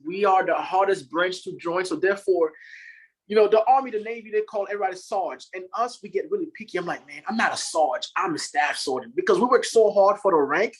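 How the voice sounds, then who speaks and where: The recording is low quality, carrying a high-pitched, fairly quick, slightly rough male voice. It belongs to a Haitian Marine staff sergeant in his thirties, a podcast guest talking casually with earnest good cheer and easy laughter.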